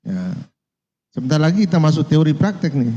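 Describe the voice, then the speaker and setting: A man with an Indonesian accent teaching Quran recitation in a mosque, slowly repeating terms and correcting his students. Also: fairly high pitch, very animated, dark tone, breathy edge. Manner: slow and repetitive, correcting students, drawing out Arabic terms. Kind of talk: relaxed classroom lesson. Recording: dull lo-fi recording.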